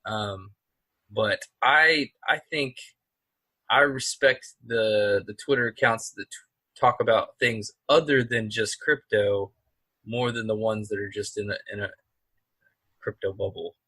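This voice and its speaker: A man's voice: on the low side, a little slow, pushed and bright, husky, no echo. A man co-hosting a podcast, chatting casually and rambling with frequent restarts and fillers. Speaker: podcast co-host. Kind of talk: casual chat.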